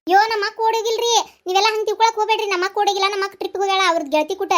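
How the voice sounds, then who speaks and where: A performer voicing a cheeky young child in a cartoon, with a North Karnataka accent and a brisk, matter-of-fact manner. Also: very high-pitched, steady tone, fairly bright tone. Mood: insistent. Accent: North Karnataka Kannada. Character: cheeky young child, quick to argue back.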